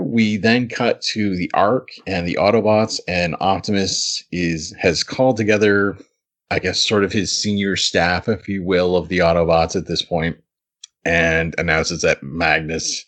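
A man's voice: low-pitched, a bit bright. A man co-hosting a podcast, chatting casually as he recaps an episode, laughing often and restarting his sentences. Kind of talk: casual chat.

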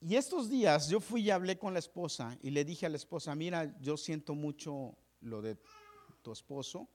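A male pastor preaching a sermon, telling a story. He drops to hushed whispers and then rises to fervent, raised preaching. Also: a little high, expressive, moderate pace.

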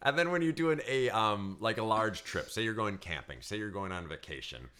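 A man co-hosting a casual couple podcast, easygoing and quick to laugh. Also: fairly low pitch, lively intonation, pushed and bright. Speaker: podcast co-host.

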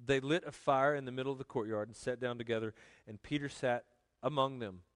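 A man preaching a sermon as pastor, animated, swinging from loud emphasis to quiet joking asides. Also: mid-range voice, a little fast, no room sound.

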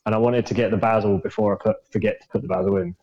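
A man's voice: on the low side, fairly even intonation, very fast, darkish tone, muffled recording. A man chatting casually as a co-host on a podcast. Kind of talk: casual banter.

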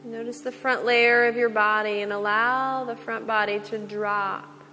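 A woman teaching yoga, giving slow, gentle relaxation cues with long pauses. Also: fairly high pitch, flat delivery. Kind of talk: guided relaxation instruction. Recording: long reverb with soft music.

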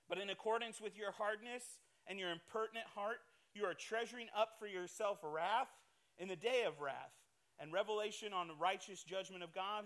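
A man's voice: high-pitched, fairly bright tone. A man preaching a sermon, emphatic and swinging between playful asides and solemn warnings. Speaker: pastor.

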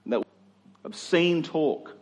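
Preaching to a congregation in a large, echoey hall with long reverb, this Queensland man speaks extremely slowly in a slightly high, expressive voice. His Australian sermon is earnest and conversational, and he repeats phrases for emphasis.

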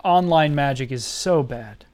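Easygoing man with a higher voice. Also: a little slow, darkish tone. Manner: short agreeing replies, easygoing. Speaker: podcast co-host. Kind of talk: casual podcast chat.

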